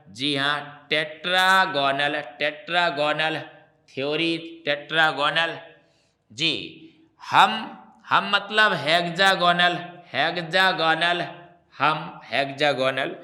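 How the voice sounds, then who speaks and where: A man's voice: fairly high pitch, slow, pushed and bright. A man teaching a chemistry revision lecture, repeating key terms and explaining them patiently to his students.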